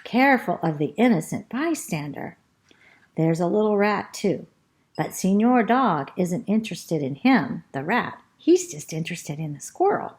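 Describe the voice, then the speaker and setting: A talkative classroom parrot tells the story in a children's storybook reading, as a woman reads it aloud. The delivery is slow and unhurried, with pitch that rises and falls in a lively sing-song, and rhymes are drawn out. The voice sits at a middle pitch for a woman. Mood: chatty. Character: chatty, fussy pet parrot narrating as a female classroom pet. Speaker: storybook reader.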